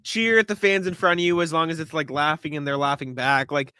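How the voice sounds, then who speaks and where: A man's voice: on the high side, steady tone, a little fast, pushed and bright, clear, resonant tone, dry recording. A man co-hosting a casual live podcast, talking bluntly and swearing freely. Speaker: podcast co-host and sports writer. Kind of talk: casual live-stream chat.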